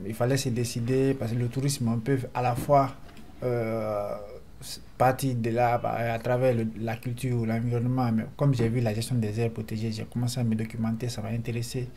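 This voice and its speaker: A man's voice: mid-range voice, moderate pace, slight background noise. A man in his thirties from Guinea, a student, introducing himself and telling his story casually. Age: 30s. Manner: relaxed storytelling. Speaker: master's student. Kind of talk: interview self-introduction.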